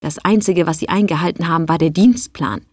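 A woman's voice: on the low side, a little fast, a little mellow, no echo, studio quality, natural voice. Woman reader as smug male chef boss, cold, clipped. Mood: dismissive. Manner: curt, dismissive.

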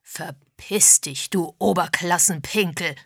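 A woman reading an audiobook, voicing a gruff, hostile husband who snaps and shouts. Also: on the low side, takes it slowly, no room sound, studio quality, full character voice. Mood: furious. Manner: snapping and shouting. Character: gruff, hostile older husband, curt and furious.

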